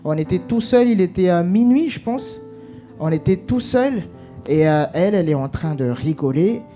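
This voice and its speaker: A man giving an emotional personal testimony, halting with many restarts and fillers, acting out what was said. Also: sits high, lively intonation, warm tone, faint music behind.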